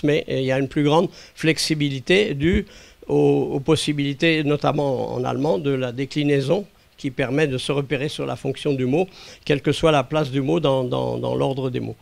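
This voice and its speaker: A man speaking as an expert witness, explaining calmly and hesitating often with small chuckles. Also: medium pitch, vocal fry. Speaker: linguist giving expert testimony. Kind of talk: lecture-style talk to a council. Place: meeting room.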